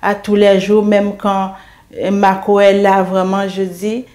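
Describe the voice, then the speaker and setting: Slow, flat-voiced middle-aged woman. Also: medium pitch. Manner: hesitant, restarts and repeats words. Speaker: interview guest giving a testimony. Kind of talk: faith testimony in conversation.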